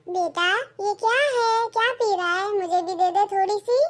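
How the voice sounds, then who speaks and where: A meek old grandfather from a cartoon, as a voice actor puts him on. His voice is very high, and he speaks timidly and pleadingly. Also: a little slow, fairly bright tone. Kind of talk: cartoon voice acting.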